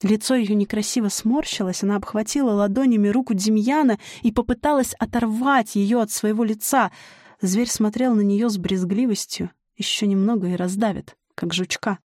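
A woman reading a dark folk fantasy as an audiobook narrator, measured and dramatic. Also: medium pitch, dry recording, studio quality. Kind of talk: scripted narration.

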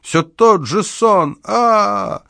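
A male reader voicing a fretful old man tormented by dreams, wailing in a high, excitable voice. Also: unhurried, no echo, clean studio sound. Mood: anguished.

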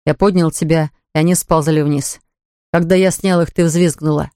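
A man's voice: fairly high pitch, steady tone, moderate pace, darkish tone, clean tone, dry recording, studio quality. A man narrating an audiobook in the first person, reading evenly and voicing dialogue plainly. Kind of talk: scripted narration.

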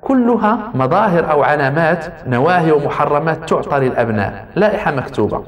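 A man's voice: fairly high pitch, animated, quick pace. A man giving a lecture on raising children, speaking straight to his listeners and repeating key phrases for emphasis. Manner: addresses listeners directly with rhetorical repetition. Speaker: parenting lecturer. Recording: roomy hall with long reverb.

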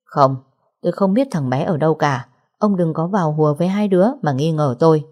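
A woman's voice: low-pitched, brisk, a little mellow, natural voice. A woman voicing a cold, haughty older mother-in-law in a story, speaking dismissively. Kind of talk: audiobook character reading.

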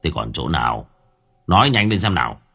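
A man voicing a gruff, short-tempered village father who scolds in a low, coarse voice. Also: wildly swooping pitch, moderate pace, over loud music. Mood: urgent.

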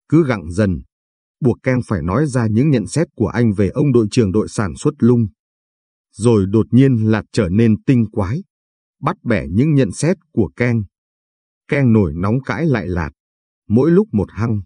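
A man reading a story aloud in a steady, even storytelling way. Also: on the low side, breathy edge, dry recording, clean studio sound. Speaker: narrator.

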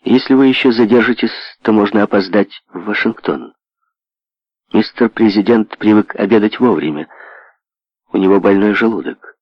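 A man's voice: fairly low pitch, normal speed, no echo, lightly acted. A man reading an audiobook, playing a formal male secretary in a matter-of-fact tone. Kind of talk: audiobook character voice. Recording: dull lo-fi audio.

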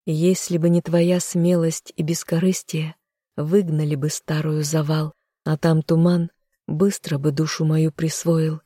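A woman voicing a kind old grandmother with a creaky voice, spoken as a soft whisper in an audiobook reading. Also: deep voice, little pitch movement, unhurried, no room sound, studio quality. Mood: tender.

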